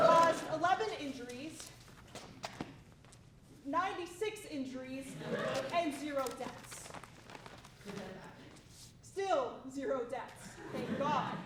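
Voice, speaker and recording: A woman playing a dry, pedantic news field reporter in a comedy sketch. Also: sits high. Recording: roomy, distant, noisy.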